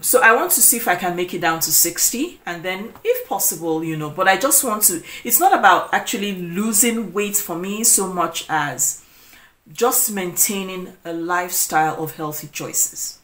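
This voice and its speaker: A woman's voice: fairly low pitch, animated, normal speed, a bit bright. A woman in her forties talking casually to camera as a lifestyle vlogger. She rambles, restarts her sentences and fills gaps with "you know". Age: 40s. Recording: echoey room.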